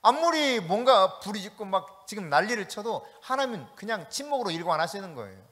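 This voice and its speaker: High, lively male pastor preaching. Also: brisk. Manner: animated preaching, asks the congregation questions, reads scripture aloud. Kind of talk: sermon. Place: church sanctuary. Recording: long church hall reverb.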